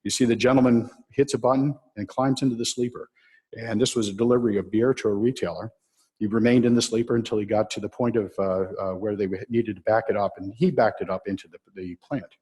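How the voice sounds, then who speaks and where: A presenter gives a public talk on automation, steadily explaining the video clips he shows the audience while using lots of "uh" fillers. His voice is lowish and husky, and he speaks fast. The hall is reverberant.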